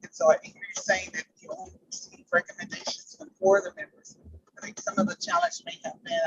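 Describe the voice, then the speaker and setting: A man's voice: extremely high pitch, wildly swooping pitch, fast, creaky, fairly bright tone. Man on a glitchy, breaking-up call. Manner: polite, formal questioning. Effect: glitchy, breaking-up call audio. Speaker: commissioner. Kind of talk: asking questions in a public meeting. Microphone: remote call connection. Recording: lo-fi, distant remote call with faint noise.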